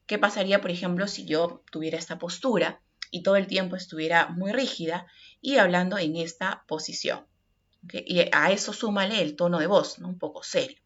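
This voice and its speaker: Lower-voiced Peruvian woman teaching a course. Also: a bit bright, dull audio. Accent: Peruvian Spanish. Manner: explanatory, checks in with frequent "¿ok?". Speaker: course instructor. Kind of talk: online workplace communication lecture.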